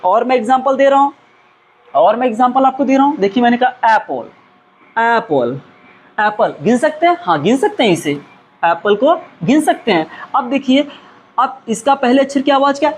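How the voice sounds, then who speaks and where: A man's voice: very high voice, lively intonation, fairly quick, slight background noise. A male teacher giving a grammar lesson, who asks his students questions and then answers them himself, repeating key words for emphasis. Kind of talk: classroom-style grammar lesson.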